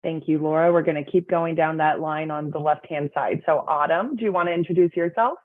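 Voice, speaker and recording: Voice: mid-range voice, brisk, no room sound. A panel moderator on a video call who guides speakers in turn, friendly and organized. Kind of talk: hosting a webinar panel. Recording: tinny phone-like video call audio.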